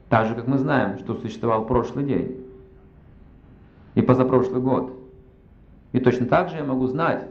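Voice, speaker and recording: A man's voice: medium pitch, gravelly. Guy lecturing on spiritual stuff, keeps asking rhetorical questions, echoey room. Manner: reasoning aloud with rhetorical questions. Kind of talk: religious lecture. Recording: roomy, slightly dull recording.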